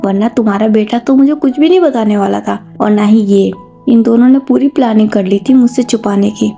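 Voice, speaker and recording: A woman's voice: a little high, warm tone, close to an everyday voice. A woman doing a stern, worried scolding mother. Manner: scolding, insistent. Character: stern worried mother, protective and quick to anger.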